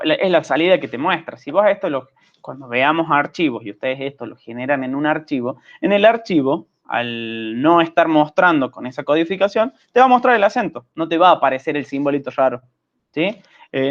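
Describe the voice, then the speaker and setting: With a fairly high, slightly bright voice, a male programming instructor with an Argentine Spanish accent explains concepts patiently during an online class. Quick check-in questions come up often to confirm students understand. The audio quality is dull.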